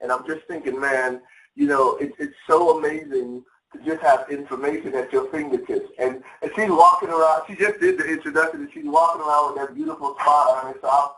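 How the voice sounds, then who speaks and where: A man giving an excited motivational talk on a phone call from his home office, repeating words as he goes. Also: on the high side, fairly quick. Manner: excited, repeats words often, says "y'all". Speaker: guest speaker on a sales call. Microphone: phone or conference line. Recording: echoey, far from the mic.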